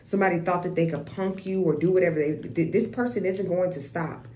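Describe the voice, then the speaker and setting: A woman's voice: on the low side, brisk, a little mellow. A woman giving a casual tarot reading, blunt and profane, often repeating herself and restarting. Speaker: tarot reader. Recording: echoey room with faint noise.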